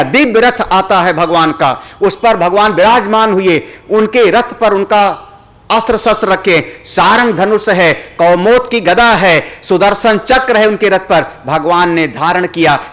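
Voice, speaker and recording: A man, a spiritual teacher, giving a religious discourse with animated storytelling. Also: sits high, unhurried. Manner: animated storytelling, rising loud for dramatic moments.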